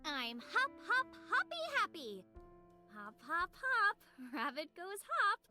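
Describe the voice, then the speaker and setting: A woman's voice: very high-pitched, wildly swooping pitch, slow, sharp tone, soft background music, voice pushed up, heavily acted. A woman voicing a bubbly young female internet idol who talks in a perky, singsong, playful way.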